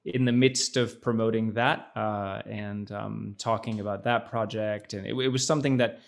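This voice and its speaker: Here the Dutch actor, Netherlands by his mother, talks in a relaxed video-call interview with a lowish, steady voice carrying vocal fry. He keeps a normal speed, thinking aloud through many fillers and false starts.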